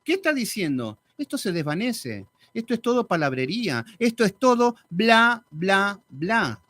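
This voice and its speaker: A man teaching a live Bible study in an animated, sarcastic, conversational way. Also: high-pitched, a little slow, dry recording.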